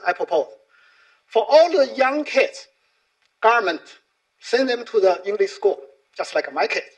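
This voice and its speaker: On poor audio, a middle-aged man whose first language is Chinese gives a relaxed, explanatory conference presentation in accented English. His voice is high and a bit bright, and he keeps checking in with quick tag questions.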